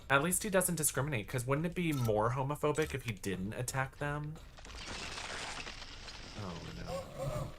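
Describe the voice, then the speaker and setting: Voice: medium pitch, sing-song, measured pace, long pauses, background noise. A live streamer chatting casually with viewers while playing a game, in a campy, exclamatory drag-slang manner. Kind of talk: casual live gaming commentary and chat with viewers.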